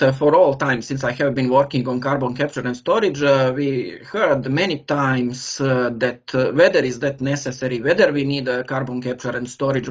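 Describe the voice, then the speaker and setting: Over a video call, a Serbian professor gives an online lecture in a mid-range voice, pausing often as he searches for words.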